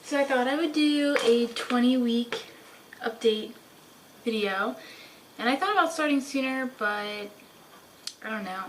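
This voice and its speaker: A woman's voice: fairly high pitch, unhurried, heavy background noise. A young woman chatting casually in a vlog, full of "like" fillers, talking at home. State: out of breath at the start. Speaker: vlogger. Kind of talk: casual pregnancy update vlog. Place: home, living in England.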